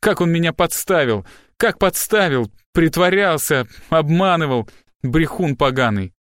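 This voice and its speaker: A man voicing a shrill, coarse-voiced spiteful young woman. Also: animated, a little slow, fairly bright tone, no echo, studio quality. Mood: venomous. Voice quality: coarse, rough. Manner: shrill, tearful, venomous. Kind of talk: audiobook character reading.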